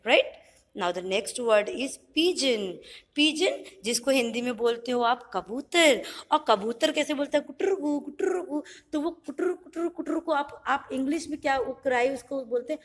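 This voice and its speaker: Woman from India, English tutor, slow deliberate drilling, higher voice in a reverberant room. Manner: spells words letter by letter, slow drilled repetition. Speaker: English teacher. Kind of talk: bilingual vocabulary lesson. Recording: long hall reverb.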